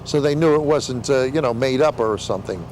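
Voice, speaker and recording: A man's voice: mid-range voice, fairly quick, background noise. An older man explaining things in a casual interview, with rambling showman patter and joking asides. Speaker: veteran sideshow talker explaining flea circus.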